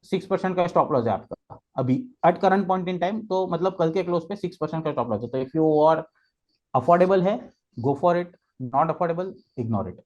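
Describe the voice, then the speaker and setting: On a muffled, dull-sounding track, a man with a slightly mellow voice on the high side explains trading charts a little slowly. He is a trading guest expert who works through each step in mixed Hindi and English, checking in often with "okay."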